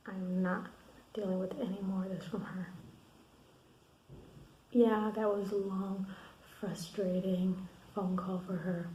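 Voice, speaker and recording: A woman's voice: mid-range voice, little pitch movement, slow, pauses often. Woman, video diary, frustrated venting with swearing, half-whispered, echoey room, faint hiss. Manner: drops to a hushed, half-whispered voice. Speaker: vlogger. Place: her room at night.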